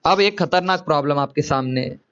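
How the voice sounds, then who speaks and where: A man's voice: on the high side, fairly quick, a bit bright, highs cut off. A man teaching a chemistry lecture to students, often repeating himself and coaxing them to answer. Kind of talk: classroom lecture.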